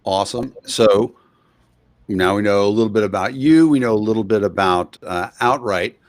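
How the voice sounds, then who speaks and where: A man hosting an interview over a video call, conversational, pausing often with hesitations. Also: on the low side, no echo, studio quality. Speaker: guest host.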